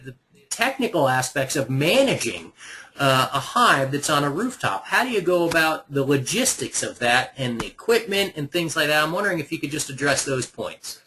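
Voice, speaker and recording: A man's voice: on the high side, sing-song, moderate pace, sharp tone, a little hiss or hum, rough recording. A man moderating a webinar, reading out audience questions with many hesitant fillers.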